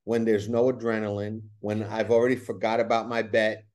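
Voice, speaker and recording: A man's voice: fairly low pitch, level tone, a little fast, a little mellow. A man with a Brooklyn New York accent, speaking as a guest in a conversational podcast interview, often repeating words as he explains. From New York, USA. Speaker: horse racing handicapper, interview guest.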